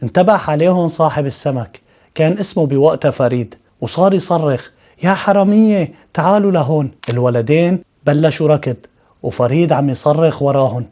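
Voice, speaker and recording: A man's voice: a little high, brisk, warm tone. A man with a Syrian accent narrating a true story in colloquial speech, talking straight to his listeners. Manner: addresses listeners directly, colloquial. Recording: slightly dull lo-fi sound.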